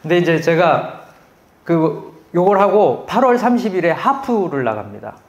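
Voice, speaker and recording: A middle-aged man preaching a sermon, telling stories with animated, loud quoted voices. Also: sits high, normal speed, slight background noise. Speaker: pastor.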